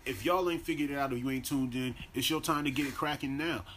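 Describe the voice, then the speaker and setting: This fast-talking American co-host has a somewhat bright voice, despite describing himself as deep-voiced. He tells stories on a podcast with lots of slang, swearing and lively, casual banter. There's a faint hum of background noise.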